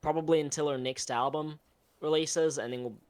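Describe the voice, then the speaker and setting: A man's voice: on the high side, steady tone, brisk, darkish tone. A young man co-hosting a casual chat, easygoing and hesitant, with frequent ums and restarts. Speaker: co-host.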